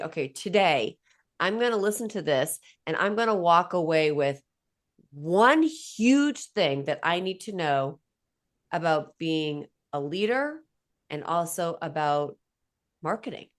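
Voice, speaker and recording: A woman with a Boston accent hosts a podcast in a relaxed, chatty way. She is gushing and enthusiastic, her sentences wandering and restarting as she talks. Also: low-pitched, takes it slowly. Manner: effusive and enthusiastic, rambling. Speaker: podcast host. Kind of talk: casual interview chat.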